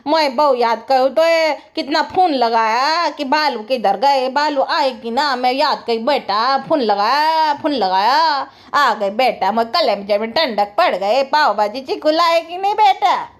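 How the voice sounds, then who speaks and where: A woman mocking an old grandmother's dramatic, drawn-out way of talking. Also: high voice, lively intonation. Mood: doting. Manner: slow, drawn-out, theatrical.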